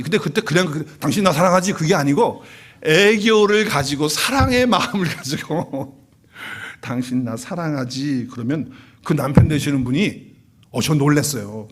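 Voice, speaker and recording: A man's voice: mid-range voice, breathy edge. A male pastor preaching a Sunday sermon in a church, asking the congregation questions and acting out quoted couples. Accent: Korean. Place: church sanctuary.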